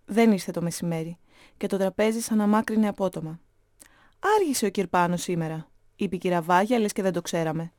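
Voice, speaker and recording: Woman reading a story in a mellow voice. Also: medium pitch, steady tone, no echo, studio quality. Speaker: narrator. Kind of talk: scripted story narration.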